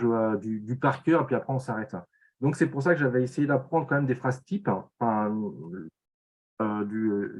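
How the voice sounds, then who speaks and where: A man speaking casually in a tutoring session, sharing his own exam experience in a candid, self-deprecating way, often halting and restarting. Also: mid-range voice. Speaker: former student sharing exam advice.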